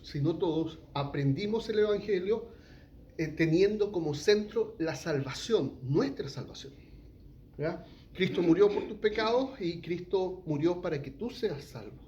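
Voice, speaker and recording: A man's voice: sits high, expressive, measured pace, a little mellow, dull audio, a little hiss or hum. A middle-aged man, teaching a sermon and asking the congregation questions. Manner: asks the congregation questions, frequent "¿ya?". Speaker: pastor.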